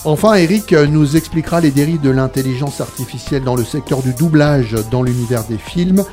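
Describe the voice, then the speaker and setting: A man's voice: medium pitch, a little fast, mellow. A man hosting a radio show, presenting from a script. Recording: music bed under voice.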